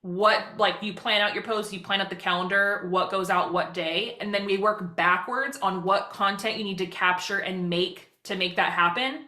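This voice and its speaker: A woman talking very fast as she presents an informal social media webinar, chatty and given to self-deprecating asides. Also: medium pitch, bright, forceful tone. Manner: very fast, rapid-fire talking. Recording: roomy, echoing sound.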